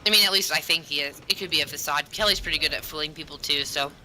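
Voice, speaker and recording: Bright, chatty woman gamer. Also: low-pitched, fast, low-quality recording. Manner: chatty, giggly, eats while talking. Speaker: streamer playing with friends. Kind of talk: casual voice chat while gaming.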